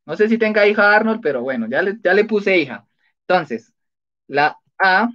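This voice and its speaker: A man's voice: high-pitched, expressive, normal speed, bright, forceful tone. A man hosting a casual spelling quiz on a live stream, chatty and laughing often as he reads out answers. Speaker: spelling quiz livestream host. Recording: dull lo-fi sound.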